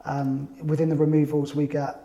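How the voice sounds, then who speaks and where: Guy on a podcast, raspy-ish low warm tone, chatty, keeps restarting his sentences, roomy sound. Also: monotone, moderate pace. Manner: rambling anecdotal storytelling with restarts. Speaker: business owner, podcast guest. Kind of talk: casual interview chat.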